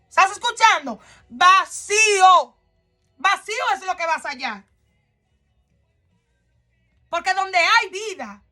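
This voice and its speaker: A woman preaching, her voice pitched very high and ringing bright. She pleads fervently and speaks straight to the listener, asking question after question in a passionate sermon. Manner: fervent, addresses listener directly with rhetorical questions.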